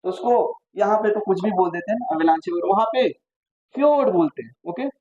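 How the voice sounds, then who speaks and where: A man teaching physics to a class in a relaxed, mellow voice, firing questions at his students and drifting into jokes between points. The recording sounds slightly dull and muffled. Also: high-pitched, fast talker. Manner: chatty, asks the class questions, jokes and digresses. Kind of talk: classroom lecture.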